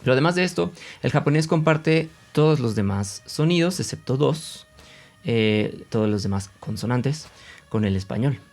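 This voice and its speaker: A man with a central Mexican Spanish accent teaches Japanese pronunciation in a casual video lesson, explaining with many fillers and often sounding out examples aloud. His mid-range voice has lively intonation and a slightly mellow quality at a moderate pace, with soft music in the background.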